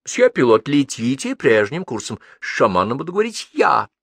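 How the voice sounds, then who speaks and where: A poised female spy giving calm orders in a crisp voice, as a man reads her part. It is pitched higher than a plain male voice and has a slight gravelly edge. The recording is dry and close. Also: moderate pace, dry recording, exaggerated voice. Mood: commanding. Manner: crisp, commanding. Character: cool commanding female spy posing as a princess.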